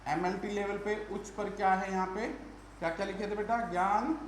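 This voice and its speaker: A man's voice: high voice, steady tone, fairly quick, echoey room, slight background noise. A male teacher giving an exam-prep lecture, calling his students "beta" and repeating the key terms.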